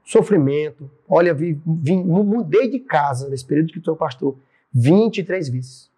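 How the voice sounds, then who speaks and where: A man who is a pastor, telling a lively testimony story in a faith podcast interview, with a Brazilian Portuguese accent. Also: fairly high pitch, normal speed, slightly rough. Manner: lively storyteller acting out quoted voices. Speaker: pastor and church president, podcast guest.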